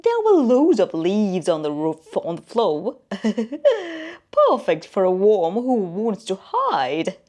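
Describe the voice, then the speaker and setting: A woman narrating a children's story as a friendly owl, in a slow, expressive way that often drops to a whisper. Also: medium pitch.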